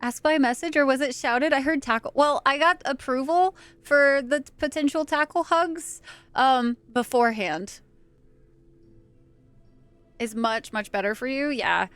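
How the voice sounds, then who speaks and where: A woman's voice: high-pitched, measured pace, fairly bright tone, dry recording. A young woman live-streaming a game, chatting casually and playfully, swearing now and then, close on the mic. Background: faint game music.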